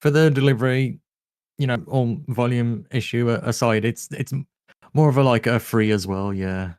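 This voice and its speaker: A man's voice: medium pitch, moderate pace, darkish tone, clear, resonant tone, no echo, studio quality. A man judging a voice acting contest, laid-back and casually swearing. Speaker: judge. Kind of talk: casual livestream chat.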